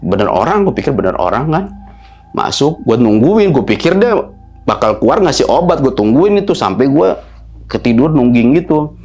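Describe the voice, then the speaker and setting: A man tells a story as a guest in a casual, halting way. He repeats himself and sometimes sinks to a hushed whisper, his voice mid-pitched. Soft music runs faintly behind him. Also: sing-song, slightly rough, highs cut off.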